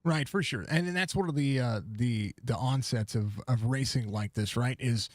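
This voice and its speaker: A man's voice: mid-range voice, normal speed, no echo, studio quality. A man hosting a sim racing broadcast, interviewing drivers in a casual, upbeat way after the race.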